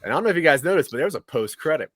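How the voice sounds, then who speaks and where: Man recapping a show, animated and laughing. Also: a little high, racing, no room sound. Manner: lively storytelling, laughing between lines. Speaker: podcast co-host summarizing the episode. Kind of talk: casual recap of a TV season.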